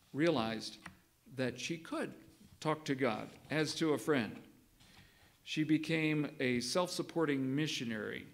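A man giving a sermon in a church, telling a story in a conversational way and reading quoted passages from a book. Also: medium pitch. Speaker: preacher. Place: church sanctuary.

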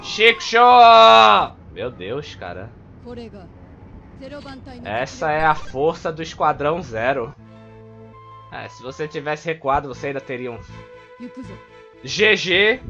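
A man's voice: on the high side, bright, forceful tone, lo-fi sound. A man with a Brazilian accent giving casual let's-play commentary over a fighting game. He often sounds frustrated, swears, and mutters "ai, ai" to himself. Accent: Brazilian Portuguese. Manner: frustrated, swears often, repeats "ai, ai" under his breath. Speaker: gameplay commentator.

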